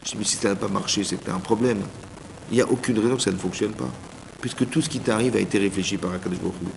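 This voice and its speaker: A man giving an informal Torah class as a rabbi, animated, speaking straight to his listeners and acting out little dialogues. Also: lowish voice, racing, gravelly. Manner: animated, addresses listeners directly, acts out dialogues. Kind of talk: informal sermon. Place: community hall. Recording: reverberant hall, faint background noise.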